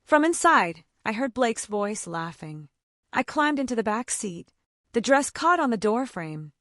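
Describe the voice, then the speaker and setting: A woman narrating a first-person story in a lively, expressive reading style. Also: fairly high pitch, unhurried, no room sound, studio quality.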